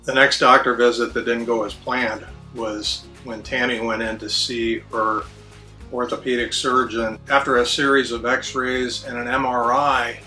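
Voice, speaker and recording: A middle-aged man recounts events in a plain, measured way. His voice is bright and firm with a flat melody, and music plays underneath his casual storytelling. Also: medium pitch, far from the mic. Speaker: vlogger recounting RV life.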